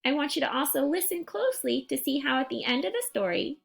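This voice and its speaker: A woman gives gentle instructions while reading a picture book aloud for young kids, choosing her words slowly and with care. Her voice sits high and is animated, with some creak.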